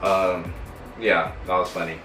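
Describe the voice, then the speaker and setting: A man's voice: deep voice, flat delivery, measured pace, distant mic. A young man vlogger casually telling stories about his life, with a laid-back manner and many "like" fillers. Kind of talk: casual storytelling. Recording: roomy sound from off the mic, music behind.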